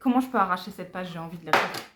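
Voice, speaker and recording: A young woman chatting casually as she unboxes albums, giggling often and muttering asides softly. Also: fairly low pitch, rapid-fire. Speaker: unboxing vlogger. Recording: echoey room, faint background noise.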